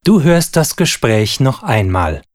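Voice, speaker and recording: A man narrating a language-course listening test, deliberate and clear. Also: medium pitch, sing-song. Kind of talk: instructional narration.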